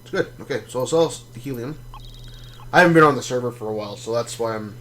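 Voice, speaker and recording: The space-game stream continues with a medium-pitched man talking fast over slight background noise. His explanations are casual and wandering, peppered with ums and restarts.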